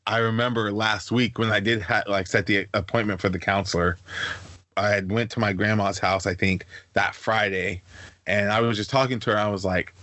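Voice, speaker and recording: Young man, casual podcast co-host; animated storyteller who mimics others in a high voice; dry studio sound. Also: normal speed, no room sound. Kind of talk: casual chat.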